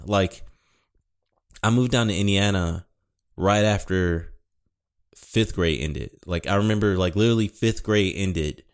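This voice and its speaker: A young man talking casually and rambling, swearing often and correcting himself, with a mild speech impediment. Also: low-pitched. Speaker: podcast host. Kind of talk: casual solo talk.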